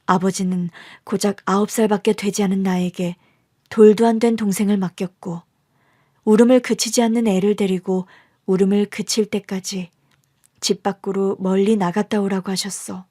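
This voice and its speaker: Woman voicing a middle-aged mom quietly telling her old life story, soft and confiding, radio drama. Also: mid-range voice, fairly even intonation, normal speed, dry recording, studio quality, close to an everyday voice. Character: middle-aged birth mother telling her hard past.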